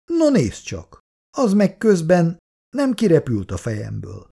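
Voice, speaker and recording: Man voicing a timid old man, wheedling, sly, lively pitch. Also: gravelly, husky, exaggerated voice. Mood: pleading, sly.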